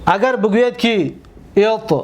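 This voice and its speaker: High-voiced man drilling grammar by rote. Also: slight background noise. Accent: Tajik. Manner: drills conjugations aloud, repeats and quizzes listeners. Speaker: teacher. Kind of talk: Arabic grammar lesson.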